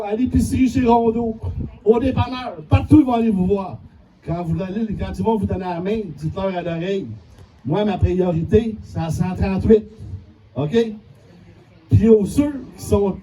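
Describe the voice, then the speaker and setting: A man's voice: sits high, mellow. A man with a Quebec French accent giving a folksy, emphatic public speech to a local gathering. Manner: folksy, emphatic, making promises. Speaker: speaker addressing a public gathering. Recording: distant mic with faint background noise.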